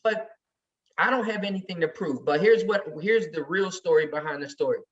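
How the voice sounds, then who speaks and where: On a sports podcast where he's a regular, a high-voiced man speaks briskly, making his points with heat and emphasis in casual conversation. The audio is muffled and far-off.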